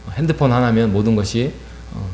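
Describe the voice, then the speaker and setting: A man's voice: mid-range voice, fairly quick, a little mellow, soft background music. Earnest male pastor in a roomy church. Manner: earnest, many fillers, rhetorical questions. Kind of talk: early-morning sermon. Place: church sanctuary. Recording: roomy church sound with faint hum.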